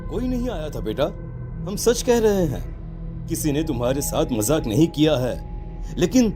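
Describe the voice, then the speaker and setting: A man's voice: fairly high pitch, unhurried, over music. A man voicing a middle-aged father in a cartoon, scolding his grown son. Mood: stern. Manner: scolding, expressive. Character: middle-aged father, stern but caring. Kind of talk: Hindi cartoon voice acting.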